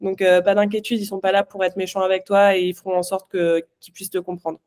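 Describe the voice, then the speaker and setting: A woman's voice: medium pitch, little pitch movement, fast, darkish tone. A woman coaching pastry exam students in a live online Q&A, chatty and reassuring.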